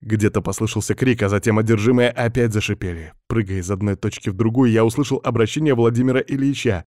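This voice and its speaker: A man reading a first-person story aloud in a steady, scripted audiobook narration. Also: fairly low pitch, fast talker, no room sound, clean studio sound.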